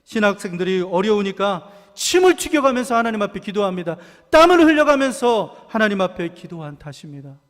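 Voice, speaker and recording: Pastor, male, high-pitched, fervent sermon delivery with soft-to-loud swings, long sanctuary reverb. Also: very animated, brisk, few pauses. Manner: impassioned, swings from hushed to shouted cries. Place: church sanctuary.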